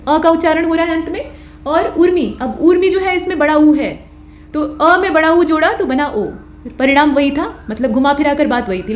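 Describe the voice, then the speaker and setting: A woman's voice: high-pitched, reverberant. A woman teaching an exam-prep grammar lecture, patiently explaining rules and answering her own questions.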